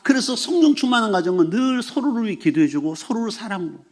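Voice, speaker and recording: Animated, high-pitched Korean pastor preaching. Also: male voice, fast talker. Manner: animated storytelling, acts out quoted voices; conversational, asks the congregation questions. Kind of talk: sermon.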